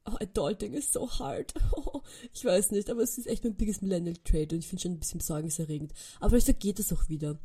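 A woman's voice: mid-range voice, dark tone, breathy edge. A woman in her twenties with an Austrian accent, chatting casually on her podcast, telling stories and mixing in English phrases. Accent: Austrian German. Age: 20s. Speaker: podcast host. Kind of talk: casual solo chat.

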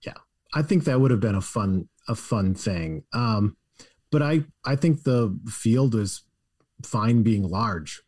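A man's voice: lowish voice, animated, slow, a little mellow, dry recording, clean studio sound. A man co-hosting a sports podcast, reading listener questions aloud and chatting casually with a joking tone. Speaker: podcast co-host.

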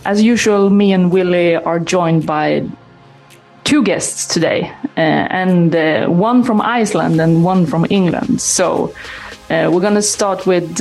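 Woman podcast host, low-ish voice, hesitant with lots of fillers, faint music behind. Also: gravelly, a little mellow. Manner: hesitant, many fillers and restarts. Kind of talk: casual podcast chat.

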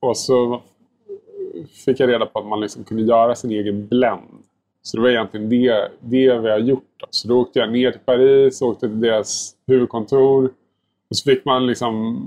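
Male pastry chef guest, relaxed rambling talker, casual swearing. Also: mid-range voice. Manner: relaxed, rambling, heavy filler words and mild swearing. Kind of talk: casual podcast chat.

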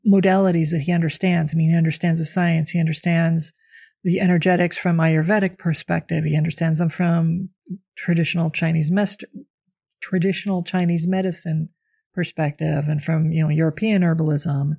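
Gravelly-voiced woman explaining herbs on a podcast. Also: sits low, flat delivery, normal speed. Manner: warmly explanatory, informal, with fillers. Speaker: herbalist podcast host. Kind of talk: casual podcast chat.

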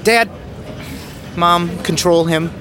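An actor playing an eager, affectionate grown son, a little flustered. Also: male voice, sits high, takes it slowly, a crowd in the background. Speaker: son and husband.

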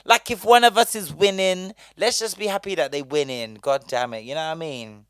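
A man's voice: a little high, fairly quick, smooth, dry recording, clean studio sound. A man hosting a podcast, talking in a casual, heated and profane monologue. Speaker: podcast host.

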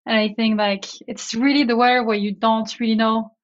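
Higher-voiced woman, slightly dull audio. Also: level tone, normal speed. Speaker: podcast co-host. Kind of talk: casual podcast chat.

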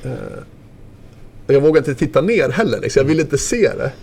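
Gravelly-voiced man telling a story. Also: mid-range voice, lively intonation, a little mellow. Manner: vivid, loose retelling full of fillers and mild swearing. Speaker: former ski racer guest. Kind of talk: casual storytelling.

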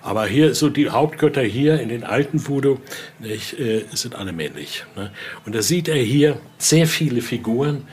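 In an indoor exhibition room, a male museum guide who specializes in voodoo leads an informal tour, explaining as he goes and often tacking on little tag questions. His voice is medium-pitched and a bit mellow, with lively intonation at a normal speed, and faint background noise can be heard on location.

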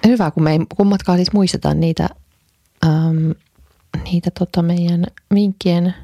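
A woman in her forties co-hosting a casual chat podcast, keeping her voice low and hushed in a makeshift home studio. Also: steady tone, dry recording. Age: 40s. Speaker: podcast co-host.

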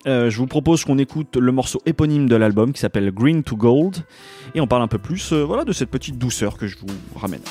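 A man co-hosting a music show, relaxed, introducing a band and its albums. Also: mid-range voice, fast. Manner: relaxed, presents tracks, soft at times. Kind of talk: casual music chat and presenting.

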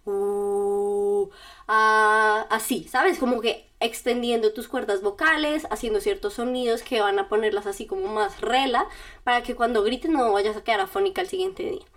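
With a slightly high voice and a slightly fast pace, this woman gives casual self-help instructions step by step on her podcast. She speaks right to the listener, chatty and informal, laughing lightly now and then.

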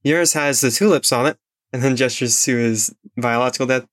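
A man's voice: mid-range voice, a little fast, a bit bright, no echo, clean studio sound. A man playing a tabletop game, earnest and considerate with his character's companion. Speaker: player. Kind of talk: casual tabletop play.

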